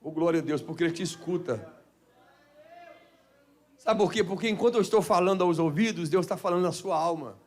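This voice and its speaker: A Brazilian pastor with a Minas Gerais accent preaches in a church, his voice sitting high for a man. He bursts into shouted praise, then drops to low, hushed asides in a fervent Pentecostal style. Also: fairly quick, long pauses. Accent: Brazilian Portuguese, Minas Gerais. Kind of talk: Pentecostal sermon.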